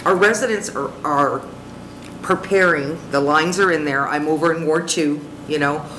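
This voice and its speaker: A frustrated councilwoman speaks plainly and bluntly as she questions a presenter during a public council meeting. Her low-pitched, slightly bright voice moves at normal speed through a desk mic, from the dais of a large, echoey and noisy chamber.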